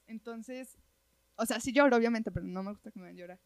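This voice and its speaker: A woman with a Mexican accent telling a personal story in casual chat, animated and slangy, peppering her talk with "güey". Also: on the high side, brisk, no room sound.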